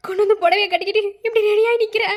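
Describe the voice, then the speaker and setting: A woman plays a worried middle-aged village mother in a cartoon, speaking with a Madurai accent. Her very high voice pleads and frets, close to tears. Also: fairly even intonation, racing. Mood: pleading. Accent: Madurai Tamil. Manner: pleading, tearful. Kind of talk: cartoon voice acting.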